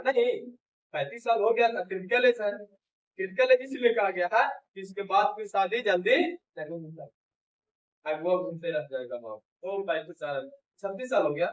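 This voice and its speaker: A man teaching an English lesson, reading English lines slowly and loudly, then explaining them in casual Hindi. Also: high voice, far from the mic, lo-fi sound.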